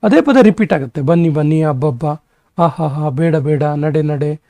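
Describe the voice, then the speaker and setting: A male exam-prep teacher giving a grammar lesson, briskly rattling off word lists. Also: a little high, warm tone, no room sound.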